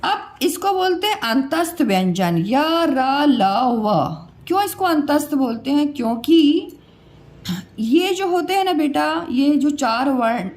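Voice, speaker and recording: High-pitched lady teacher going slow, repeating sounds and asking the class questions. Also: sing-song, darkish tone. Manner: patient, repeats each sound and quizzes the listener. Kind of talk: classroom lesson on pronunciation.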